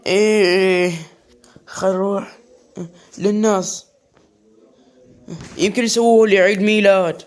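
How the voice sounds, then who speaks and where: A man's voice: high-pitched, flat delivery, a little slow, long pauses. A man with an Iraqi Arabic accent acting out an improvised comic skit in several roles, hesitating and repeating his words. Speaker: comedy skit performer narrating game play. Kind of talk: improvised comic role-play skit, voicing several characters.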